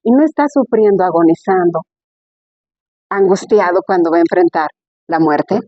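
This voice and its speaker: A woman's voice: moderate pace, dry recording. Lady preaching casual-like, tells stories, voice swings up and down, kinda muffled recording. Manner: storytelling, animated with rising and falling pitch. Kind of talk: conversational sermon. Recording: dull lo-fi recording.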